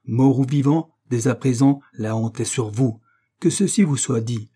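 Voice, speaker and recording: A man's voice: mid-range voice, a little slow, warm tone, breathy edge. A man voicing a proud, righteous nobleman and sea captain who speaks with stern, declamatory force. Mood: indignant.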